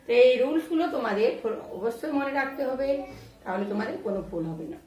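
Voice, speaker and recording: A woman teaching English grammar in Bengali, spelling out words letter by letter and repeating examples slowly. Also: high-pitched, animated, dark tone, distant mic. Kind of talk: explaining grammar rules to students. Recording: very echoey room, voice off-mic.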